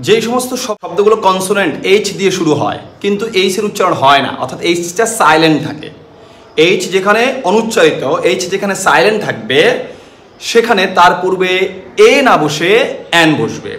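High-voiced Bangladeshi teacher, echoey room. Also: male voice, expressive, fairly quick, a bit bright. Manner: explains step by step with frequent questions to students. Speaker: school English teacher. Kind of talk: online grammar lesson. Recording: echoey room with faint hiss.

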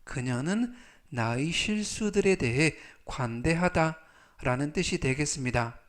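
A man teaching English vocabulary in a scripted lesson, speaking. He reads each English word slowly, repeats it, and then explains its meaning. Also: a little high, expressive.

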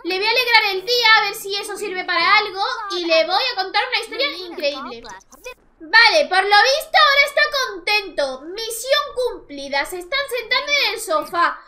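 A woman's voice: very high-pitched, expressive, moderate pace, sharp tone. A woman from Spain giving casual let's-play commentary, dramatically exasperated and swinging between laughter and mock despair. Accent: Spain Spanish. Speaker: gaming youtuber.

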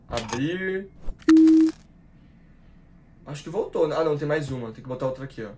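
A man's voice: fairly high pitch, background noise. A nineteen-year-old man with a Brazilian Portuguese accent doing slangy horror gameplay commentary, jumpy and panicky, shrieking and rattling off repeated words while talking straight to viewers. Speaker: gaming YouTuber. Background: game music.

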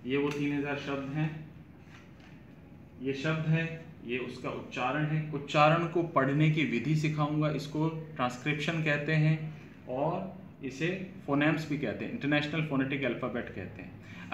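A man's voice: fairly high pitch, moderate pace, highs cut off, a little hiss or hum. A man, explaining his English pronunciation course to students and repeating words to show how they sound. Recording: echoey room with faint ambience.

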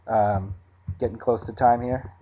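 Low, mellow man analyzing chess. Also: measured pace, dull audio, slight background noise. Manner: relaxed, thinking aloud with fillers. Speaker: chess commentator. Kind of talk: post-game chess analysis.

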